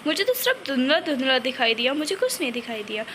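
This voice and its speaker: A woman voicing a worried young heroine who coaxes and pleads softly, in a spoken drama recap. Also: high voice, big pitch swings, fast talker, a little hiss or hum. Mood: coaxing.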